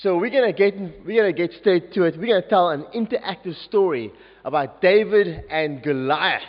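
A youth leader with a high voice talks fairly quickly as he leads an interactive children's story at a service in a large church. He's animated, coaxing the audience to join in with actions, and the recording is dull and echoey.

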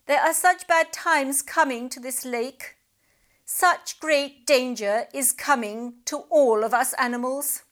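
A woman's voice: high-pitched, slow pace, pitched above the performer's own voice. Woman doing a sly old pelican. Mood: dire. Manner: solemn, grandly warning. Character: old scheming male pelican, smooth and grand.

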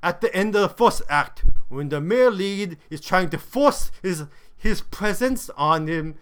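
A man's voice: high-pitched, expressive, measured pace, a bit bright, clear, resonant tone. A man giving a scripted review of a television drama, with dry, sarcastic humor.

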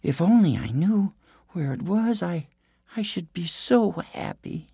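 A man putting on a gentle, clever young princess in a storybook tale. The voice is lifted higher and softer, a little husky and dry. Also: animated, unhurried, dry recording, full character voice. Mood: sweet.

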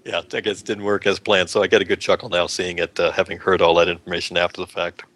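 A man's voice: sits low, little pitch movement, quick pace, fairly bright tone. A man co-hosting a podcast in casual chat, rambling with restarts and fillers and laughing often. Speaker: podcast co-host.

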